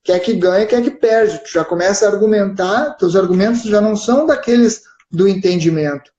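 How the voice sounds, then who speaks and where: Gaúcho man, patient live-stream explainer, mellow tone, echoey and dull audio. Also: high-pitched, brisk. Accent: southern Brazilian (gaúcho). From southern Brazil. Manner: explains patiently with frequent "né?" and "certo?" check-ins. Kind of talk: explanatory casual chat.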